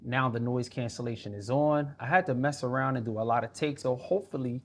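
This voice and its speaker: A man's voice: medium pitch, a little fast. A man giving a casual, slangy product review through a clip-on lavalier mic, his voice carrying noise reduction artifacts. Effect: noise reduction processing artifacts. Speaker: tech reviewer. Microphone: wireless lavalier clip mic.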